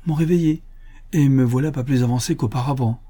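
A man's voice: mid-range voice, brisk, mellow, voice pushed up, close to an everyday voice. A man reading a storybook voices a poor, devout peasant mother who sighs and pleads in distress. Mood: dreamy wonder. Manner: pleading and tearful.

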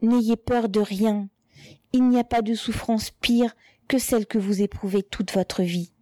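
A defiant aging mother hurls her words at the gendarmes, her voice hoarse and straining, put on by a woman reading the tale. The pitch climbs well above the narrator's own, but the tone stays mellow. The recording is close and dry. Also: fairly even intonation, unhurried, no room sound, close to an everyday voice.

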